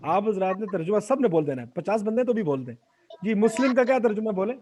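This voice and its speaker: A man's voice: high voice, expressive, warm tone, a little hiss or hum. A man teaching Arabic grammar in an online class, putting questions to his students and having them answer aloud. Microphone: video call.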